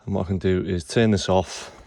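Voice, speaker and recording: Low, dark-voiced tradesman explaining a repair. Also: fairly even intonation, a little fast, slight background noise. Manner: chatty, explains as he works, says "obviously" often. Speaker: tradesman filming his call-outs. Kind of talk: casual explaining while working. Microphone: handheld phone.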